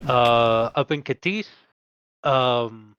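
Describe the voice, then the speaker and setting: A man's voice: medium pitch, extremely slow, a bit bright, clear, resonant tone. A man acting as game master, explaining a homebrew tabletop setting in a casual, hesitant way with profane asides. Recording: dull lo-fi mic, dry.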